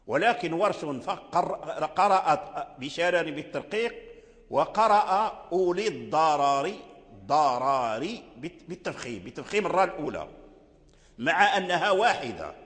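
A man's voice: a little high, a bit bright, big-room sound. A man teaching the rules of Quran recitation, patiently repeating each point several times. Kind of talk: religious lesson explaining recitation rules.

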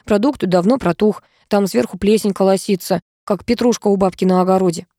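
A woman's voice: mid-range voice, a little fast, mellow, no room sound, clean studio sound, natural voice. Female narrator voicing a grumbling male kitchen hand, crude and complaining.

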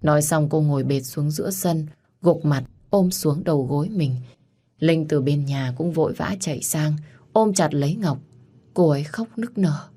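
A woman narrating a somber romance audio story in a steady, scripted reading. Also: sits low, moderate pace.

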